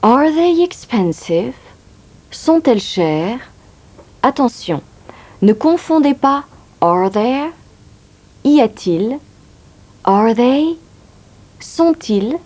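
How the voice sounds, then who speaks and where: A woman explains English pronunciation at a very slow, deliberate pace. Her mid-pitched voice rises and falls expressively as she models each word. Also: very animated, mellow. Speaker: language teacher. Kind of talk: scripted language lesson.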